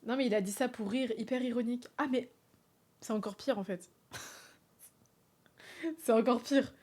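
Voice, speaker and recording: A young woman streaming live, chatting casually with her viewers, animated and laughing often. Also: fairly high pitch, normal speed. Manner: animated, laughs often, talks straight to chat.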